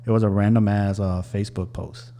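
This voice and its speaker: A man hosting a casual podcast interview, talking haltingly with many restarts and "and stuff" fillers. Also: lowish voice, little pitch movement, warm tone. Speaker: podcast host. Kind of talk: casual nervous interview chat. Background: faint crowd chatter.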